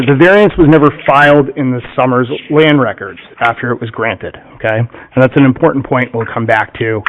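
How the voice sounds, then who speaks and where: A man representing an applicant, giving a formal, methodical presentation at a public hearing and pausing often to check in with "okay?". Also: mid-range voice, a little hiss or hum. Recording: muffled meeting-room recording.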